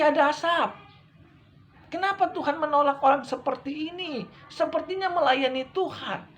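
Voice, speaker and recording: A male evangelist preaching a sermon, repeating his points and swinging from loud, urgent lines to hushed ones, speaking straight to his listeners. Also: extremely high pitch, slight background noise. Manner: addresses listeners directly as brethren.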